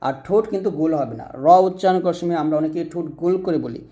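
Mellow-voiced man teaching recitation. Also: fairly high pitch, very fast. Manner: patient, repetitive drilling with call-and-repeat prompts. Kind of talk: instructional lesson on Arabic letter pronunciation.

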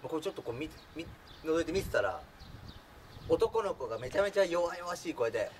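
Guy telling a funny story, pitch jumping all over, mic kinda far, noisy room behind. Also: brisk. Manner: animated, acts out voices in the story, laughs while telling. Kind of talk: casual anecdote telling. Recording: distant mic with clear background noise.

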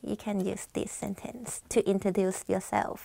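Thai woman host with gravelly edge. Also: medium pitch, fairly even intonation, normal speed, mellow, no echo. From Thailand. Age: 20s. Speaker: language teacher host. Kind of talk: scripted language lesson. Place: small studio, plain backdrop. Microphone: lapel.

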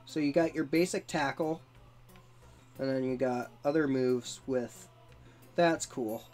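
A let's play recording has soft game music underneath as the player talks slowly in a medium-pitched, darkish voice. Between amused remarks, the gamer reads out pieces of the text shown on screen in a relaxed, chatty way.

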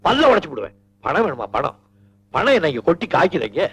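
An actor playing a bookish, teasing husband in a Tamil film who talks theatrically and swings into mock anger. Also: male voice, high voice, big pitch swings, a little fast, vocal fry, exaggerated voice. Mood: blustering. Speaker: male lead. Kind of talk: 1980s Tamil film acting.

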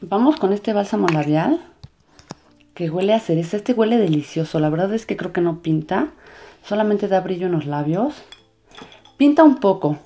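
A woman casually narrating a hands-on craft demonstration for a children's channel in a relaxed, soft-spoken way. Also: on the low side, moderate pace. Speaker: host of a children's slime and makeup channel.

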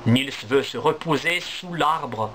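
A man, a language teacher, reading a story aloud for learners in a clear, deliberate, expressive way. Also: medium pitch, slight background noise.

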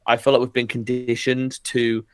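A man's voice: mid-range voice, completely flat delivery, normal speed, smooth, no echo. A man, a guest on a casual podcast, talking in a rambling, hesitant way. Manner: rambling, hesitant, many fillers and restarts. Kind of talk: casual chat.

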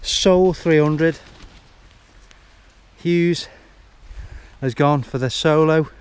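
A man's voice: a little high, very slow, clear, resonant tone, no echo. A man casually narrating a camping trip outdoors, chatty and jokey, recorded on a camera mic. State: a little out of breath. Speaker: vlogger. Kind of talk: casual outdoor vlog chat. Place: outdoors at a campsite and on a hill walk.

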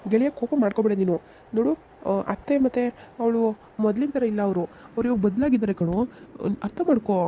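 A woman playing a short-tempered young husband in an amateur village skit, scolding in rapid outbursts. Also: mid-range voice, mellow, slight background noise, natural voice. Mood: irritated.

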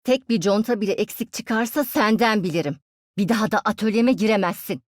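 A woman's voice: medium pitch, a little fast, no echo, clean studio sound, lightly acted. A woman voicing a cheeky, smug young female inventor and genius in dubbed game voice lines, teasing her teammates playfully. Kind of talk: Turkish game dub voice lines.

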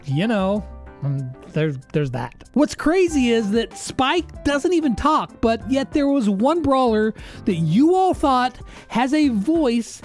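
Slow and sing-song, his very high voice has a slightly mellow quality as this man hosts a video, offering easygoing, conversational countdown commentary. Faint music plays in his small indoor home studio, and a boom-arm studio mic sits close to him.

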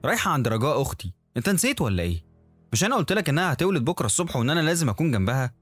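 A man voicing a gentle, caring young wife with an Egyptian Arabic accent, lifting his voice higher and speaking softly. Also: big pitch swings, racing, no room sound, soft background music. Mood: chatty. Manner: soft, affectionate, raised pitch.

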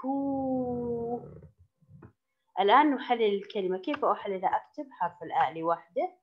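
A woman teacher giving a children's reading lesson, patiently repeating each word slowly for her pupils. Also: medium pitch, animated. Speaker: primary school teacher. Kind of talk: slow classroom reading lesson. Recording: slightly dull lo-fi recording.

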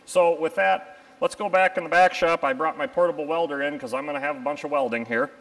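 A locomotive mechanic in his thirties, wearing a lapel mic in a machine shop, speaks in a high, animated, fast, creaky and slightly bright voice, though the audio is poor. His explanation of repair work is casual, technical and matter-of-fact, with many ums and uhs.

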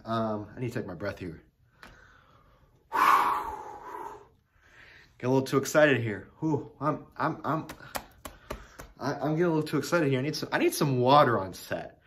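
Excitable rambling man reviewing a soda. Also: medium pitch, moderate pace, pauses often, background noise. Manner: rambling, excitable, many fillers and restarts. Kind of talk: casual product review to camera.

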